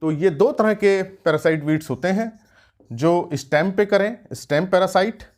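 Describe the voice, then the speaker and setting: Higher-voiced man teaching an agriculture lesson. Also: moderate pace. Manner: explanatory, with frequent "uh" fillers and rhetorical questions. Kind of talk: exam-prep lecture.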